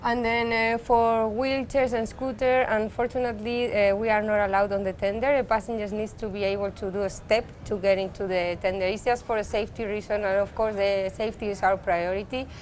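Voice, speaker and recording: This woman is a ship staff member explaining procedures in non-native English. She talks conversationally at a medium pitch, with faint ambience behind her. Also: fairly even intonation, a little fast, hardly any pauses, slight background noise. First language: not English. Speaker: ship staff giving passenger information. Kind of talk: unscripted announcements in conversation.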